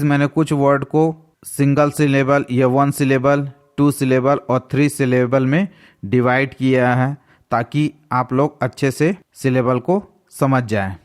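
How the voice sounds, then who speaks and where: Slow-spoken man teaching. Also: medium pitch. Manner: patient, spells words out letter by letter. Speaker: English teacher. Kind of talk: slow explanatory lesson.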